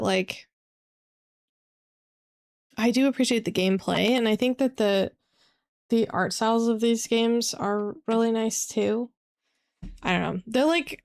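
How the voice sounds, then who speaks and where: A woman streaming a game, chatting casually in a rambling, hesitant way full of fillers and restarts, on a desk microphone. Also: a little high. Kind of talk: casual gaming stream chat.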